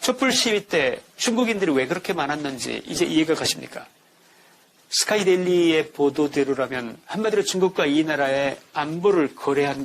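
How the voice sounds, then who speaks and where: Male commentator, slightly high voice, indignant, rhetorical, reads from a script. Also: a little hiss or hum. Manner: indignant, full of rhetorical questions. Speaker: political commentator.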